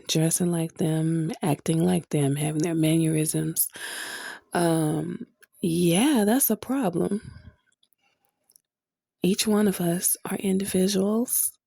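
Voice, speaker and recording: A woman hosting a motivational podcast, sounding stuffy from a cold, speaking slowly and earnestly to encourage her listeners. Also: lowish voice, gravelly, mellow, breathy edge, dry recording. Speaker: podcast host.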